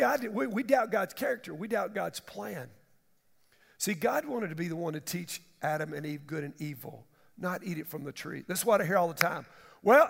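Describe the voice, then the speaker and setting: A man preaching an impassioned evangelical sermon as pastor, dramatic in delivery, with a gravelly voice. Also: sits high, fairly bright tone. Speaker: pastor preaching to his congregation. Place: large church hall, preaching to a congregation. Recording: echoey large hall with long reverb.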